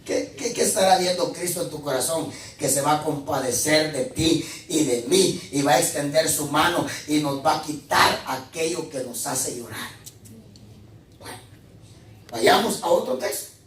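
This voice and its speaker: A male pastor, preaching a sermon with fiery swings between shouting and quiet asides. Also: on the high side, normal speed. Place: church hall. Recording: echoey church, mic at a distance.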